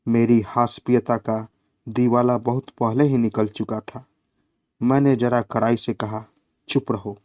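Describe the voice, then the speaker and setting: A man reading a satirical short story aloud at a slow, measured pace. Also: medium pitch, little pitch movement, mellow, dry recording, studio quality. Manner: slow, measured reading with quoted lines voiced in the flow.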